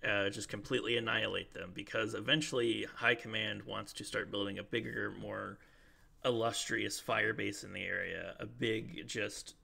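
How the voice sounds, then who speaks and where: A man's voice: fairly low pitch, fairly even intonation, normal speed, pushed and bright. A man casually briefing players over gaming voice chat as game master, playful and fond of silly nicknames. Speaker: game master running a military game session. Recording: gaming headset with clear background noise.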